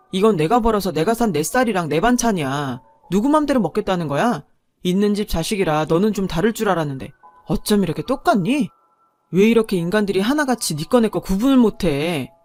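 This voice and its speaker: Scornful cheapskate husband, woman reads, mid-pitched, berating. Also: lively intonation, brisk, a little mellow, faint music behind, natural voice. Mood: sneering. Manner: sneering, berating. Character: scornful stingy young husband.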